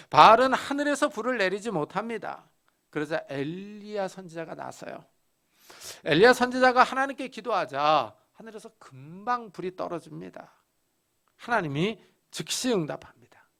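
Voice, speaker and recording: Pastor, male, raised pitch with a gravelly edge, storytelling sermon delivery with strong emphasis. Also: fairly bright tone. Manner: storytelling, dramatic pauses and emphasis. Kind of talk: expository sermon.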